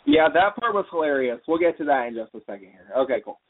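A man's voice: a little high, expressive, fast, slightly rough. A man hosting a casual podcast discussion, recapping the story and steering the talk along. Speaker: podcast host. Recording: phone-like narrow audio.

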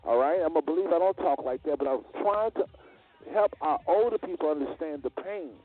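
Husky guy preaching hard on a call-in show, kinda high voice, tinny phone sound. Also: a little fast. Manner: fervent, emphatic preaching cadence. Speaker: network host. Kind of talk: preaching radio talk.

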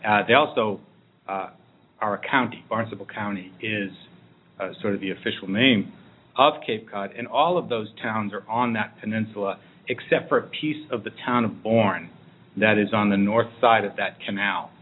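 A man explaining things as an interview guest in a measured way. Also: lowish voice. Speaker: interview guest, regional planning director. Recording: narrow muffled phone-like sound with faint noise.

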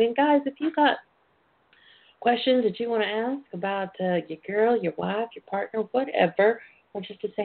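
An American woman hosting a casual phone-in talk show in a sassy, playful, chatty way. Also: medium pitch. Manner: sassy, playful, uses endearments like darling and honey. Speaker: talk show host and intimacy coach. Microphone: telephone. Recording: tinny phone line with clear noise.

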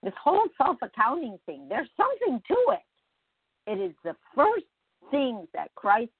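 A woman's voice: fairly high pitch, huge pitch swings, measured pace, slightly rough, no echo, phone-quality sound. A woman hosting a morning show, talking conversationally and emphatically straight to her listeners in a reflective spiritual monologue.

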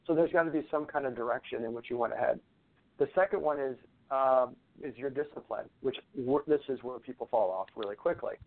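A man in a relaxed interview, talking at an everyday middle pitch. He rambles and repeats himself and drops in a swear now and then. His voice comes over a thin, phone-like line. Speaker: guest, natural medicine practitioner. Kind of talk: conversational interview talk.

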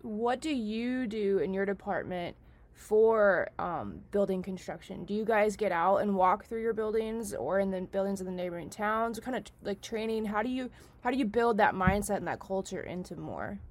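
A woman's voice: medium pitch, expressive, normal speed, darkish tone. A woman co-hosting a podcast who asks a guest open, curious questions. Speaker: podcast co-host. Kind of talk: casual podcast conversation.

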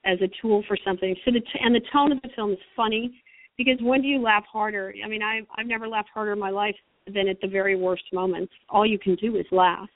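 A woman's voice: mid-range voice, fairly even intonation, fast talker, no room sound. A middle-aged American woman, a screenwriter guest on the phone, talking passionately and rambling with many restarts. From United States. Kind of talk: phone-in interview. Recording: tinny phone line.

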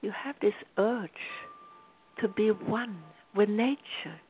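Female meditation guide, unhurried and soothing, slipping into whispers; thin, tinny recording. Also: mid-range voice. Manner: slow, soothing, drifting into whispers. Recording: tinny phone-like sound.

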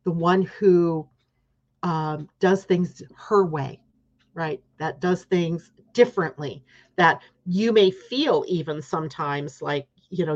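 A woman's voice: on the low side, muffled recording. A woman hosting a live astrology show, reading a guest's chart and explaining it step by step, often checking in with "right?". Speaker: astrology host.

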